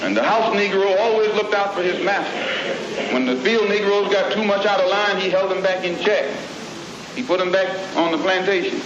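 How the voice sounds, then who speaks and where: A man delivering a speech to an audience in rhythmic, measured oratory with pointed emphasis, from an old archival recording. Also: sits high, crowd noise. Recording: old echoey, dull, noisy hall recording.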